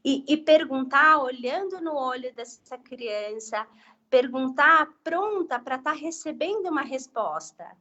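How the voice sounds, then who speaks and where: A woman speech therapist as a guest on a live health talk, explaining gently and often adding tag questions. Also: high-pitched, animated, measured pace, lo-fi sound.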